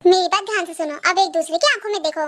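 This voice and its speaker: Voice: very high-pitched, very fast. A performer voicing a wedding priest solemnly instructing the couple. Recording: loud children's music behind voice.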